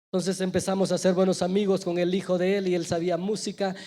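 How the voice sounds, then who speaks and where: A man preaching a sermon in a church, telling stories and swinging from loud urgency to a hush. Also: high voice, level tone, fast talker. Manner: storytelling preacher, swells loud then drops to a hush. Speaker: pastor.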